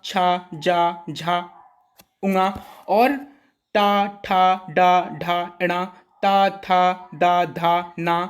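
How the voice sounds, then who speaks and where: A male teacher walks through an exam-prep grammar lesson. He keeps checking whether listeners are following. He says sounds slowly and repeats them for listeners to copy. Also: high-pitched.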